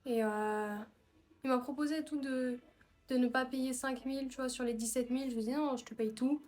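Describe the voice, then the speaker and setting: A woman's voice: on the high side, warm tone. A young woman vlogging from home on her phone, chatting casually and a little irritated, with many fillers. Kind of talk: casual vlog chat.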